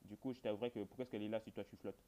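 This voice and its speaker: A lowish, warm male voice holds a steady tone while speaking very fast. The gamer behind it rambles to his viewers during a horror game, keeping things colloquial and dryly funny.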